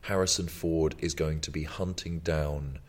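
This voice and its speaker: A man's voice: rumbling low, fairly even intonation, measured pace. A man co-hosting a podcast, chatting casually about a film, rambling and laughing often. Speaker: podcast co-host.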